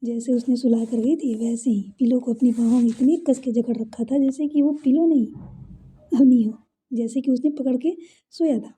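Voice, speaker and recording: Female storyteller, casual serial narration; very husky, dark and mellow. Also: high voice, steady tone, normal speed. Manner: conversational, warm-hearted retelling with asides.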